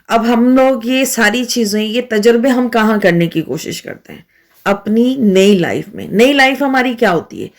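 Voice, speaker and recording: Pakistani woman vlogger, bit high voice, earnest lecturing tone, lots of rhetorical questions. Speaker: vlog host. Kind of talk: casual talk to camera.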